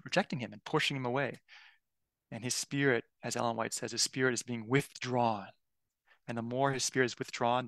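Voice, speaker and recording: A man's voice: medium pitch, sharp tone, no echo. A man preaching a sermon in a loose, conversational way, often restarting his sentences and asking listeners "right?". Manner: conversational, with frequent restarts and tag questions.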